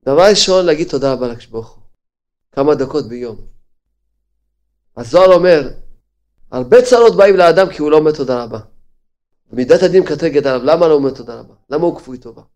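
Rabbi preaching with hammering rhetorical questions. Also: male voice, a little high, expressive, long pauses. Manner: hammering rhetorical questions, swings from loud to hushed. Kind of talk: sermon.

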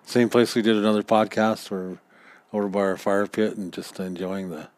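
A man's voice: on the low side, steady tone, normal speed, no room sound. A man co-hosting a casual podcast outdoors, trailing off into mumbled asides. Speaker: podcast co-host. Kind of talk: casual chat. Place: outdoors under a backyard overhang by a fire pit.

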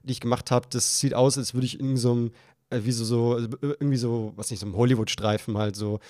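Speaking quickly, a young man hosting a podcast relates a long tale in easygoing chat. With studio-quality sound and no echo, he animatedly imitates his own flustered, panicky self in a high voice.

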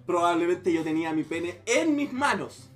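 A man's voice: sits high, normal speed, music in the background. A young man with a Chilean accent, hosting a podcast and telling a crude story with lots of laughter. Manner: crude, laughing, animated retelling. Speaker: podcast host. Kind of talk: casual joking storytelling.

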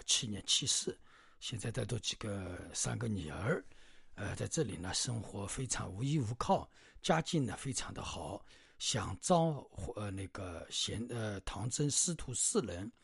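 Gravelly, husky male storyteller. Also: on the low side, no room sound, clean studio sound. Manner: chatty, hesitant with many fillers. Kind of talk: casual storytelling narration.

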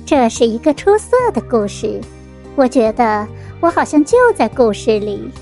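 Woman narrator as storybook queen, gracious, polite, high voice, music behind. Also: expressive, normal speed, warm tone. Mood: approving. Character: gracious, refined fairy-tale queen.

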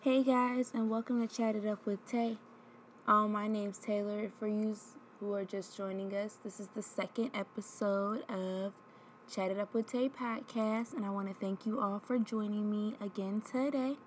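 A woman in her twenties hosts a solo podcast, chatting candidly with plenty of ums and sounding stuffed up from a cold. Her voice is medium-pitched and steady at a normal pace, with a little hiss or hum.

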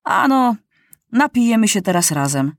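A woman voicing a legless, one-eyed male pilot in a storybook reading, calm and dryly joking. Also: mid-range voice, normal speed, dry recording, clean studio sound, natural voice. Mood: jovial. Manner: deadpan gallows humor.

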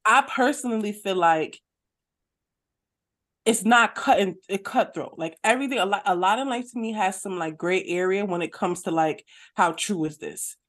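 A woman's voice: medium pitch, normal speed, fairly bright tone. A woman co-hosting a podcast in casual, slangy banter, often checking that the listener follows. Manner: slangy, conversational, peppers talk with check-in questions. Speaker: podcast co-host.

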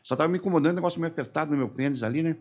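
A man giving an emotional personal testimony as an interviewee. He talks haltingly, restarting and trailing off mid-phrase. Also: fairly high pitch, darkish tone, slightly rough.

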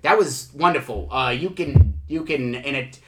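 A man hosting a comedy show in improvised chat, talking in a rambling, halting and effusive way. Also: mid-range voice, music in the background.

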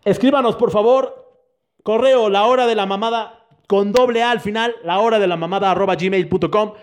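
A Mexican man in his thirties hosts a comedy podcast by himself with a high voice. He is playful and loud and talks to his listeners directly. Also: a little fast. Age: 30s. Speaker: podcast host. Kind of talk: solo comedic podcast chat.

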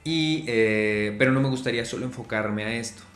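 This solo podcast is hosted by a man whose medium-pitched, fairly bright voice moves at a moderate pace. He speaks casually and loosely, full of fillers and repetitions, in an echoey room with faint music behind him.

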